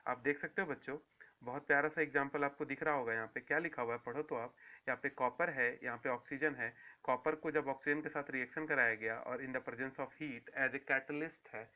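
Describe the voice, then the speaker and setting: A man giving a school science lecture, repeating key terms and asking then answering his own questions. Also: medium pitch. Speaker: science teacher. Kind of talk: classroom lecture to students. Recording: tinny phone-like sound.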